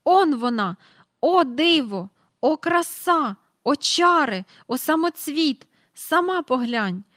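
A woman voicing an excitable middle-aged father who exclaims breathlessly in a storybook reading. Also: sits high, slow pace, no room sound, clean studio sound, voice pushed up, exaggerated voice. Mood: excited.

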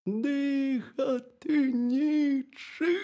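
A man voicing a timid male hare in a storybook, speaking slowly and muffled, as if from inside a burrow. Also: extremely high pitch, steady tone, dark tone, voice pushed up, heavily acted. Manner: slow, muffled from far off.

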